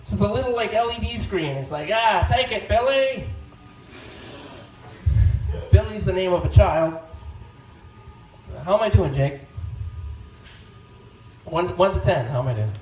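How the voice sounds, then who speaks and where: A man doing an open-mic stand-up set with a deadpan, offhand delivery on a bar stage. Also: sits high, a little hiss or hum. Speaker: stand-up comedian. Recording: echoey bar room from far off.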